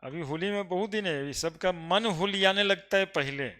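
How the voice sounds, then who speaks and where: A man's voice: high voice, normal speed. A man teaching a chemistry class, chatting and joking with students before explaining with emphasis. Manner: loud and emphatic when explaining.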